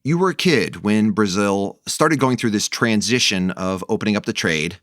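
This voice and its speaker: A man hosting an economics podcast, introducing the topic and his guest in a clear, measured, emphatic way. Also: lowish voice, lively intonation, fairly bright tone, no echo, studio quality. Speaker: podcast host. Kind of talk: scripted podcast narration and interviewing.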